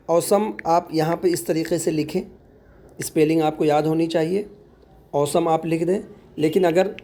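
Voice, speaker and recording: A man working as an online tutor explains a phone app step by step in a tutorial voice-over, patiently repeating words as he goes. His voice is a little high with a warm tone.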